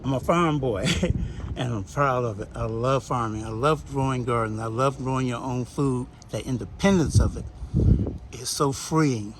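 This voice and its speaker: A man's voice: mid-range voice, moderate pace, noisy background. A man giving a folksy, chatty tour of his backyard garden, laughing now and then. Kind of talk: casual garden walkthrough.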